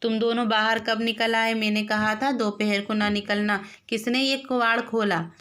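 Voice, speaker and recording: A stern mother telling off her children in a raised, louder voice, as a woman teacher reads her lines. The tone is bright and sharp, with the pitch pushed upward. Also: flat delivery, moderate pace, lightly acted. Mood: scolding. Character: scolding mother of two children.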